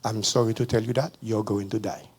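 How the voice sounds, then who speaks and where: A man with a Haitian accent, a pastor giving a testimony in a sermon, swinging between low murmurs and sudden high shouts. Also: fairly even intonation, moderate pace, slightly rough.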